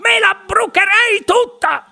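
A man voicing a delighted old grandfather in an audiobook, giddy and squeaky. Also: slow, vocal fry, sharp tone, soft background music, heavily acted.

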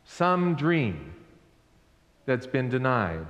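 A male pastor preaching an Easter sermon in a slow, deliberate way. He asks the congregation to repeat lines after him. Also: mid-range voice, very animated, fairly bright tone, lo-fi sound. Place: church sanctuary. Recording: echoey hall with long reverb.

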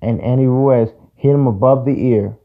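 A man's voice: mid-range voice, normal speed. A man hosting a casual sports talk show, giving his opinions in a conversational way and repeating points for emphasis. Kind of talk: casual solo sports commentary. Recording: tinny phone-like audio.

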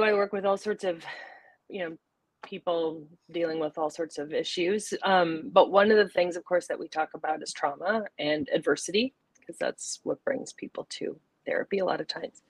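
Congested, lowish-voiced woman, closely recorded. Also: normal speed, no echo, low-quality recording. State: congested from a sinus infection. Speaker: guest, clinical psychologist. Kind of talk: casual explanatory interview talk.

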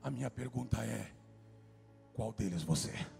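A man's voice: fairly low pitch, moderate pace, vocal fry, a little mellow, faint music behind. A male preacher giving a fervent sermon at a church service and calling out to the congregation.

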